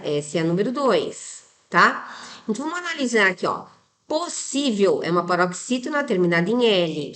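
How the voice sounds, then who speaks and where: Brazilian woman, exam prep teacher, patient and didactic, steady mid-range voice, lots of tag questions. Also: mid-range voice. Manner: didactic, many tag questions, spells out rules step by step. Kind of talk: explaining exam answers.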